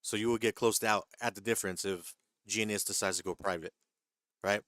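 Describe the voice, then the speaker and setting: On his live trading stream, a man with a lowish, steady voice talks fairly quickly, picking questions out of the chat and walking through the rules. He hedges, says things twice, and keeps asking "right?" or "okay?". The tone is a bit bright, in a dry studio-quality recording.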